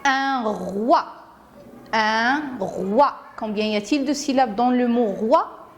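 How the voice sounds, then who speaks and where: Very slow woman teacher. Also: a little high, slight background noise. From Morocco. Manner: slow, careful enunciation, splitting words into syllables and repeating each word. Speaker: primary school teacher. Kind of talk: recorded phonics lesson for young children.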